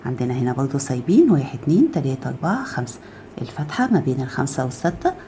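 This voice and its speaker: Fast-talking Egyptian woman teaching crochet. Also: extremely low pitch, very animated, a little hiss or hum. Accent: Egyptian Arabic. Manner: counts stitches aloud, keeps asking "okay?"; drops to a soft murmur while handling the work. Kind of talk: step-by-step crafting tutorial.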